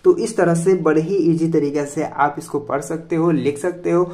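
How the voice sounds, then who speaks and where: A man's voice: on the high side, fairly even intonation, normal speed, a little mellow. A man teaching pronunciation to students in a voice-over lesson, speaking, patiently repeating each point and spelling words out letter by letter. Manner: patient, repeats each point with "theek hai" and quiz-like questions.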